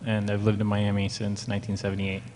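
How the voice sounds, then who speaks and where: A man's voice: lowish voice, completely flat delivery, fast, a little mellow. A man from Peru introducing himself as a panelist, nervous and giggly, with hesitant starts. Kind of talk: live panel talk. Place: museum event hall before an audience. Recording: live hall reverb, faint room noise.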